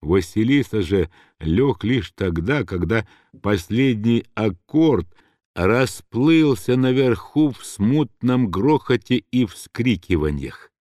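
A man narrating a novel as an audiobook in an expressive, dramatic reading. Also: fairly low pitch, takes it slowly, no room sound, studio quality.

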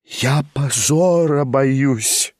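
A man reading an audiobook, voicing a frightened, tearful aging gentleman who pleads in a hushed, anxious way and drops in French phrases. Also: on the high side, expressive, slow pace, no room sound, studio quality. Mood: despairing.

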